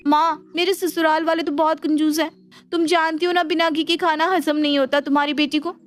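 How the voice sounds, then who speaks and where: A woman's voice: high-pitched, level tone, a little fast, voice pushed up, close to an everyday voice. A woman voicing a headstrong young daughter-in-law who talks back in a cartoon. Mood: sassy.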